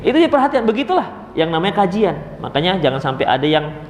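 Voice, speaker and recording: A man's voice: high voice, very animated, fast talker, a little hiss or hum. A man preaching a religious study session, telling stories and acting out family members in quoted voices. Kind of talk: sermon. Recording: echoey hall.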